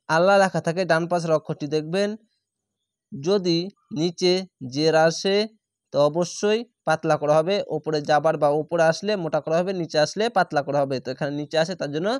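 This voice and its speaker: A man's voice: fairly high pitch, no room sound, studio quality. A man teaching Quran reading, spelling each syllable and then drawing out the recited word.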